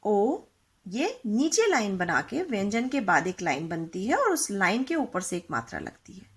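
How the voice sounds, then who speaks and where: A woman teaching young children how to read and write, explaining slowly and patiently, asking questions and repeating words for them to practice. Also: medium pitch, very animated, husky. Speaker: Hindi teacher.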